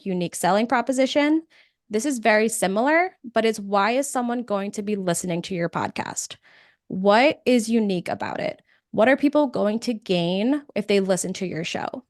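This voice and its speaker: A woman presenting a live webinar on podcasting, speaking in a conversational, energetic way with frequent fillers. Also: medium pitch, no room sound, studio quality.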